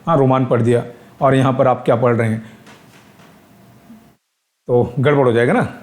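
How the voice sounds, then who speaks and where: A man's voice: mid-range voice, fairly even intonation, normal speed, a little mellow, reverberant. A male teacher with an Indian accent giving an exam-prep lecture. He explains step by step, asks questions aloud and works English terms into his talk.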